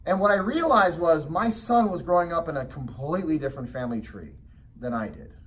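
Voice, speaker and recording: Seminar presenter, man, lively storytelling, a bit high-voiced, mic set back from him. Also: brisk, recorded from a distance. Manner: animated storytelling with frequent rhetorical check-ins. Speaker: real estate investing seminar presenter. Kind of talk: motivational sales seminar talk.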